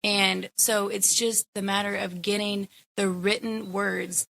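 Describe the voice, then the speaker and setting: Chatty woman guest, lots of likes and you knows, bit of vocal fry. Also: mid-range voice, little pitch movement, a little slow, fairly bright tone, dry recording. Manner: casual, chatty, many fillers. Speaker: guest, educator and mother. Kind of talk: conversational interview.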